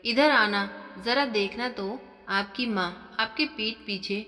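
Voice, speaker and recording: A woman's voice: a little high, slow pace, sharp tone, long reverb tail. A woman voicing a suspicious young daughter-in-law who speaks in a sarcastic, accusing way, in a storybook reading.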